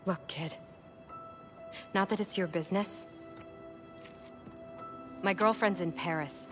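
A woman's voice: fairly low pitch, slow pace. A young woman with an American accent playing a sly, defiant, sardonic cat burglar in a video game. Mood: guarded, low. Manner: sardonic, cool. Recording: loud game music over dialogue.

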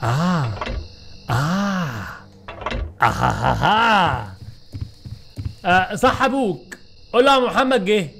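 A man with an Egyptian Arabic accent giving excitable, joking let's play commentary, talking back to the game. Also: high voice, a little slow, slight background noise. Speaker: gaming YouTuber.

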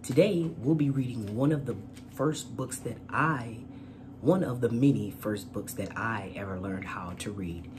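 Against some background noise, a man with a mid-range voice talks a little slowly as the polite host of a children's storytime. He reads a story aloud and chats with channel viewers.

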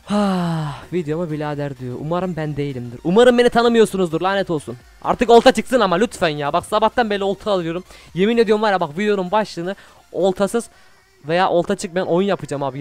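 A young man commentating his own video game play, excitable and easily frustrated, swearing often. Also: on the high side. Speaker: gaming YouTuber. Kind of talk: Minecraft gameplay commentary.

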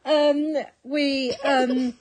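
A woman's voice: high-pitched, flat delivery, extremely slow, darkish tone. A young British woman with a British accent chatting casually on a live stream, giggling often and trailing off on long filler words. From Britain.

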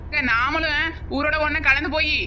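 A woman's voice: high voice, flat delivery, moderate pace, bright, forceful tone, a little hiss or hum. A woman voicing a greedy young village woman obsessed with biryani, with a southern Tamil accent and a pleading, whiny manner. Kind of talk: cartoon voice acting.

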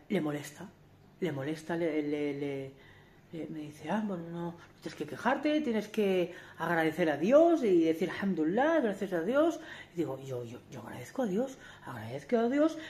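A woman in her forties, a family vlogger, speaks directly to the camera in a slightly low, darkish voice. She's candid and emphatic, stops to restart her sentences, and keeps throwing rhetorical questions at her viewers.

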